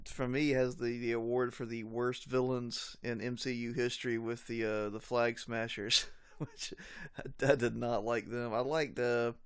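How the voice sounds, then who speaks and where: A man's voice: mid-range voice, flat delivery, unhurried, fairly bright tone, clear, resonant tone, no room sound, studio quality. A man chatting casually about films as a podcast co-host. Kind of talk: casual film fan chat.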